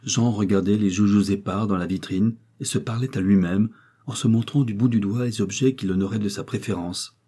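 A man narrating a classic novel as an audiobook in a measured, expressive reading. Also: on the low side, slightly rough.

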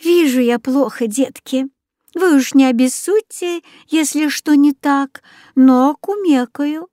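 A woman's voice: high voice, slow pace, dark tone, no echo, studio quality, voice pushed up. A woman voicing a kindly, poor, half-blind old village woman who talks in a homely, fussing way.

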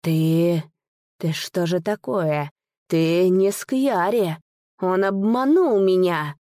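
A woman's voice: lowish voice, slow pace, dark tone, no room sound, clean studio sound. A woman voicing an old, sly and greedy male sorcerer who taunts and sneers. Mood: sneering.

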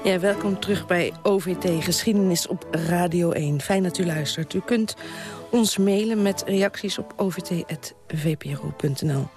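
A man's voice: sits high, moderate pace, over music. A man hosting a radio history show and interviewing a guest, with plenty of hesitant fillers. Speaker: radio host.

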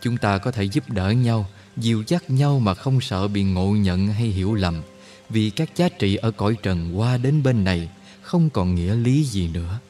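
A man doing a calm, wise old guide. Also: on the low side, soft background music, lightly acted. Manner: slow, measured, soothing explanations.

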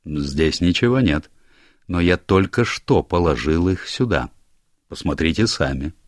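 A man's voice: low voice, animated, measured pace, dry recording, studio quality. A man voicing a stern older male minister who speaks curtly and with authority, in an audiobook. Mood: commanding. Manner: curt, commanding, irritable. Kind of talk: audiobook character voice.

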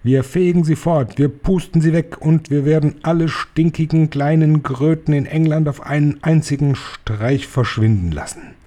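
A domineering little witch queen, as a man puts her on in a storybook reading shrieks commands in a raised, strained voice. She snaps and barks at her followers. The tone stays mellow at its core, never thin. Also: on the high side, normal speed, few pauses, pitched above the performer's own voice, close to an everyday voice. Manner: shrieking, barking orders. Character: tiny, furious, domineering female witch leader.

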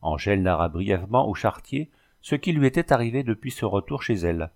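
A man narrating a novel as an audiobook in a measured storytelling manner. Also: lowish voice, expressive, darkish tone. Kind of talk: scripted narration.

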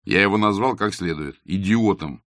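A man's voice: low voice, moderate pace, fairly bright tone, no room sound. A man voicing a scornful young nihilist who talks in curt, sarcastic jabs. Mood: mocking.

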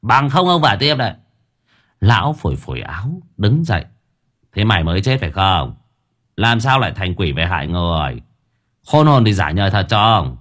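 A cocky old exorcist, voiced by a male narrator, low and husky but bouncing through wide, lively swings of pitch. He brags and threatens in a crude, swaggering way, a rough storybook rascal. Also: moderate pace. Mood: cocky bragging.

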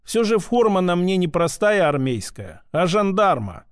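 A man narrates a first-person audiobook in a measured, even storytelling manner. His voice sits a little higher than most men's. The recording is dry and close, with no room sound. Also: clear, resonant tone, no echo.

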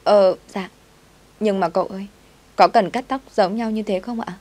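A woman's voice: mid-range voice, fairly even intonation, moderate pace, darkish tone, pitched above the performer's own voice, natural voice. A woman voicing a clingy, tearful young servant girl who whines and pleads. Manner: whiny, pleading.

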